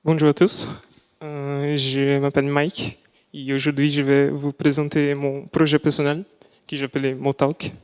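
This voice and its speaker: A young man presents his student project, speaking a language that is not his first. He talks carefully, restarts often and searches for words. His voice is slightly high and smooth, with a long reverb from the hall. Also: monotone, a little slow, darkish tone. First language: not French. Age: young adult. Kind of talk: live presentation talk. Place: lecture hall.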